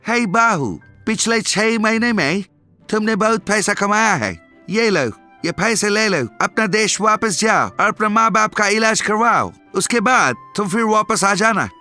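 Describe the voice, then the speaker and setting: A man voicing a polite, helpful foreign businessman who speaks calmly and reassuringly. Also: high voice, a little slow, faint music behind, voice pushed up, exaggerated voice.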